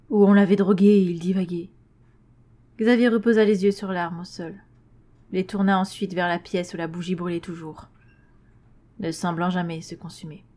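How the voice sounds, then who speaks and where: A woman's voice: fairly low pitch, a little mellow. Woman reading a tense horror story. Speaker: narrator.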